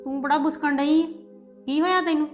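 A woman's voice: high voice, steady tone, fairly quick, lightly acted. An actress playing a stern mother-in-law who scolds sharply. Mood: scolding. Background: music.

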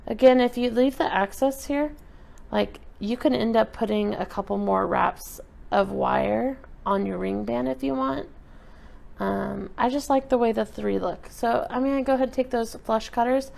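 A woman giving a relaxed, chatty step-by-step craft tutorial while she works with her hands at a table indoors. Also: a little high, moderate pace, vocal fry. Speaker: craft instructor.

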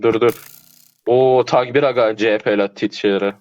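A man playing an online game with a teammate, swearing constantly and shouting in frustration. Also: mid-range voice, fairly even intonation, moderate pace, highs cut off. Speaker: gamer streamer. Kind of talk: casual gameplay chat with teammate.

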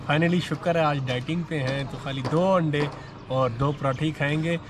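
Joking pakistani urdu accent guy on a vlog outside, slightly high voice, traffic noise around. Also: fairly even intonation, normal speed. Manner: joking, playful. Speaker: travel companion. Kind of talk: casual vlog chat. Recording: clear street and traffic noise.

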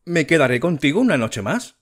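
A man's voice: on the high side, sing-song, a little fast, pitched above the performer's own voice. A man voicing a kind-hearted little swallow. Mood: tender pleading. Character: kind-hearted small male swallow bird. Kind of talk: audiobook character reading.

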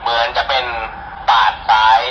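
A man's voice: moderate pace, muffled recording, very noisy. A man doing mock police radio dispatch, clipped and mock-serious, as police radio chatter. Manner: clipped call-sign replies, mock-serious.

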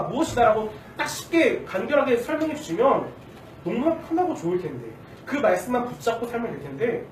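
A man in his thirties preaches in a casual, questioning manner, his voice high and swinging widely in pitch. He acts out the quoted lines with shifting tones. The sound is roomy and distant, picked up from the back of a church sanctuary. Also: a little hiss or hum. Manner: conversational, asks the congregation questions. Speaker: junior pastor. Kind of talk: sermon.

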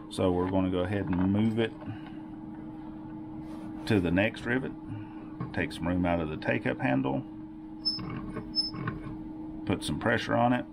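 Man for a workshop tutorial: deep, slow, patient, recorded near the bench with steady noise behind. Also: vocal fry. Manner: patient, methodical, repeats key points. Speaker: workshop tool demonstrator. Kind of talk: step-by-step how-to explanation. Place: home workshop, indoors.

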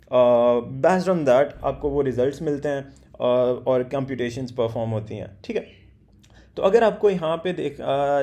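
A man teaching a beginner class, explaining step by step with many hesitations and slowly reading out English slide text. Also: fairly high pitch, mellow. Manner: explains step by step, many hesitation sounds, stumbles on foreign names.

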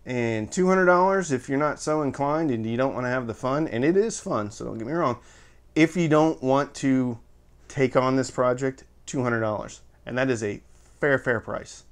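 A man's voice: medium pitch, normal speed, smooth. A man hosting his own channel, casually reviewing audio equipment with joking asides and step-by-step explanations. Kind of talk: casual product review to camera.

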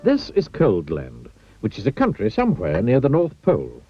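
A man narrating a children's storybook in a playful, expressive way. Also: lowish voice, moderate pace, breathy edge, soft background music. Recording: dull lo-fi old TV soundtrack.

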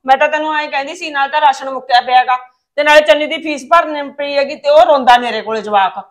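Woman as a worn-out mother and wife, quick and shrill, always complaining. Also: close to an everyday voice. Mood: scolding. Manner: complaining, scolding. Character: weary, fed-up wife and mother. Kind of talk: village short-film acting.

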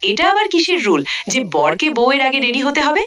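A good-humored young groom who likes to joke, as a female narrator reads him. He comes out high and bright, with plenty of movement in pitch. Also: sing-song, fairly quick. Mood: joking. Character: cheerful young groom, joking.

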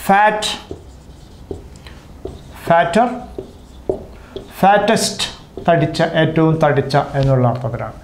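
A man's voice: fairly high pitch, big pitch swings, slow pace, creaky, pauses often, a little hiss or hum. A man teaching an English grammar lesson, patiently repeating and drilling each word form. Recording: roomy echo.

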